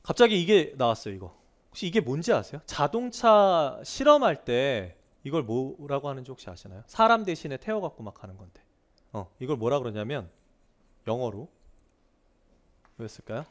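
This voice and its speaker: A man giving a grammar lecture, keeping up a steady stream of rhetorical questions and repeating key words for emphasis. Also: medium pitch, normal speed. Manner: animated, asks students frequent rhetorical questions. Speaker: English grammar teacher. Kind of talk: lively online lecture.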